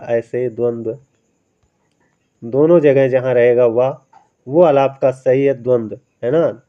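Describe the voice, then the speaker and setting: A man's voice: mid-range voice, clear, resonant tone. A man teaching Hindi spelling in an exam-prep lesson, coaxing and repetitive, often ending phrases with tag questions. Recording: dull lo-fi sound.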